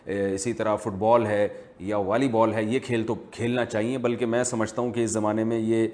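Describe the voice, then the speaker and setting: Calm, measured male Islamic scholar. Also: fairly low pitch. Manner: measured, explanatory, teacherly. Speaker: Islamic scholar answering viewer questions. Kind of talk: religious Q&A lecture.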